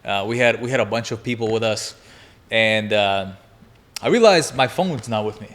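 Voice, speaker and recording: A man in his twenties, a podcast guest, telling a wild story in casual chat, energetic and profane, laughing as he goes. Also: lowish voice, moderate pace.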